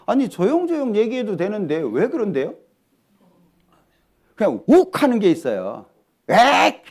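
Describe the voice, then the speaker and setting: Lively, high-pitched male preacher. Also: moderate pace. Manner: lively, asks the congregation questions. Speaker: pastor. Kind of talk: sermon. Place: church hall.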